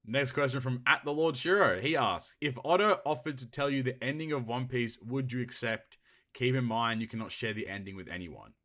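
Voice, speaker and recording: A young man hosts a loose podcast chat, reading out listener questions between bursts of laughter and profanity. His voice has a bright edge to it. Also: mid-range voice, brisk. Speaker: podcast host. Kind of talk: casual chat.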